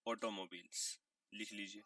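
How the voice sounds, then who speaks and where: A man teaching a vocabulary lesson, asking questions and answering them himself, repeating key words and clearing his throat now and then. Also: fairly low pitch, fairly even intonation, bright, forceful tone, dry recording, studio quality, distant mic. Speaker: English teacher.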